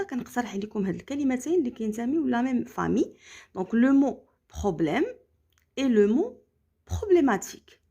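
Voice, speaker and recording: A woman teacher with a Moroccan accent, explaining French grammar to children slowly and carefully, checking often that they have understood. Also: fairly high pitch, a little mellow, slightly rough. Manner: slow, carefully spelled-out explanations with frequent comprehension checks.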